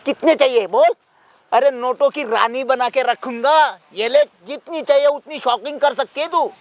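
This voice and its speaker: An actor playing a lecherous, bullying older uncle who talks in a leering, wheedling, threatening way, in an amateur short drama. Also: male voice, very high-pitched, moderate pace.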